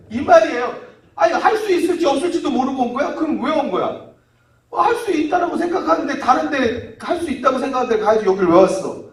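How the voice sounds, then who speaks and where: An exasperated Jesus, as a male preacher puts him on, firing scolding questions in a raised, high voice. It echoes loudly through a wide church hall, picked up from far off. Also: a little fast. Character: indignant Jesus rebuking a doubting father.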